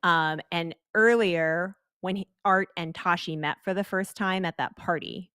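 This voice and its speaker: A woman's voice: lowish voice, a little slow, bright, forceful tone, clean tone, dry recording, studio quality. A woman guest in a casual movie discussion, candid and opinionated, cracking jokes as she talks.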